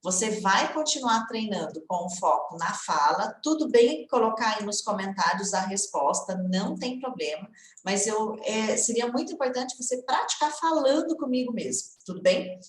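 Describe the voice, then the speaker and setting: A woman's voice: a little high, expressive, moderate pace, echoey room. A woman from Brazil teaching an English lesson online in Portuguese, chatty and encouraging, often checking in with her students.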